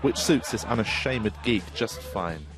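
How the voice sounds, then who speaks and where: Brief: lowish male narrator, wry and joking, clear music behind. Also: lively intonation, measured pace. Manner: wry, self-mocking. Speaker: technology reporter. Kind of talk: scripted narration.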